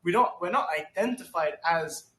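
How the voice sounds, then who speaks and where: A man chatting casually on a podcast, agreeable and quick to chime in with "exactly" and "no way". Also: high-pitched, expressive, pushed and bright. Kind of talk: casual chat. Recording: echoey room with faint background noise.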